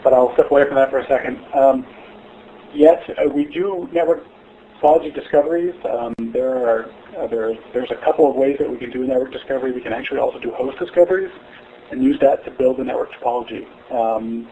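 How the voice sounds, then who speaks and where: A man's voice: medium pitch, a little fast. A man answers a webinar question in an easygoing way, hedging as he goes. His voice comes through a thin, phone-like line with a faint hiss.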